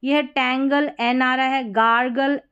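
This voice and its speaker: A woman's voice: high voice, steady tone, a little slow, fairly bright tone, clean tone, muffled recording. A woman teaching English spelling rules, patient and explaining step by step with many examples. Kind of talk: spoken spelling lesson.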